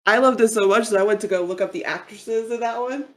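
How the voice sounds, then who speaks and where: A woman's voice: medium pitch, quick pace, roomy sound, rough recording. A woman with a New Jersey accent co-hosting a podcast, talking bluntly and casually and swearing as she goes. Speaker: podcast co-host. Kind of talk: casual chat.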